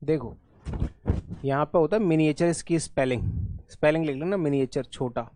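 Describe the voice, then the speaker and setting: A man's voice: on the high side, moderate pace, a little mellow. A man teaching an exam-prep English spelling lesson in Hindi mixed with English words, often checking in with his students.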